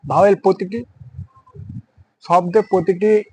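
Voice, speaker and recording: A man teaching a beginner phonics lesson. He says each word slowly, spells it out letter by letter, and asks the students to say it aloud after him. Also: sits high, steady tone, dark tone, breathy edge, muffled recording. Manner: addresses students directly, asks them to pronounce aloud. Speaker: English teacher.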